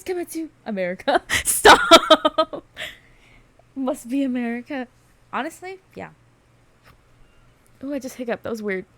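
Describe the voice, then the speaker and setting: A woman's voice: fairly high pitch, dry recording. A woman on a casual gaming stream who reads game text aloud and laughs often between jokey asides.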